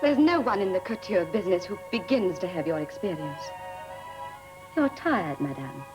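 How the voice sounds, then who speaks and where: An actress playing an eager, devoted young dress designer in a 1950s film, earnest and deferential. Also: female voice, on the low side, expressive, normal speed, lightly acted. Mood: earnest, caring. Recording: old film soundtrack with music.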